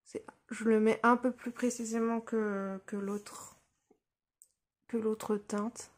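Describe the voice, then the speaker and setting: A young woman casually talking through a makeup tutorial, relaxed and hesitant with lots of fillers, recorded on a phone at home. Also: a little high, slow. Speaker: beauty vlogger. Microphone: phone camera.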